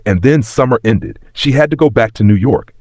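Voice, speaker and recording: A man voicing a wistful, regretful very old man of ninety who tells of his past in a reflective, plain-spoken, husky voice in a story. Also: mid-range voice, normal speed, darkish tone, no echo, studio quality, pitched above the performer's own voice, natural voice. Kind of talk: scripted story reading.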